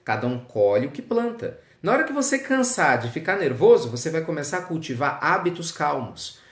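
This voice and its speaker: A man voicing a calm, gently teasing old zen master. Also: on the high side, normal speed. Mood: serene. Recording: echoey with loud crickets.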